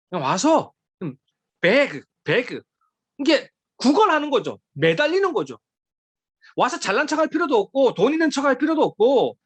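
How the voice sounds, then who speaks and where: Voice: high-pitched, no echo. A preacher giving a sermon to a youth group, emphatic and pleading, with many rhetorical questions.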